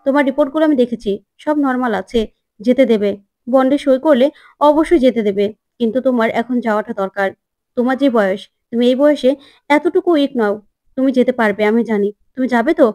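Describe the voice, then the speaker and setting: A woman voicing a gentle, caring young woman who pleads softly and earnestly. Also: fairly high pitch, a little fast, no room sound, studio quality, close to an everyday voice. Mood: pleading. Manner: soft, quiet, earnest pleading.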